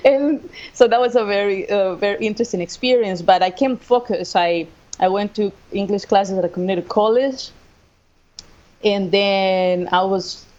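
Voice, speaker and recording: A mid-range, darkish voice moving at a moderate pace belongs to an assistant professor of sports management from Costa Rica. She's a native Spanish speaker with a Costa Rican accent, recounting her story conversationally in an interview. The sound quality is lo-fi.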